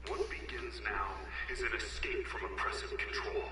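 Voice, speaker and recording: A defiant young rebel leader delivering a declamatory proclamation over a megaphone in a game cutscene. His words ring out with a heavy echo, heard from a distance, over a steady layer of noise. He sounds stern and measured. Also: lowish voice, exaggerated voice. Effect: public broadcast through loudspeakers, like a megaphone. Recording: echoey, distant loudspeaker broadcast with noise.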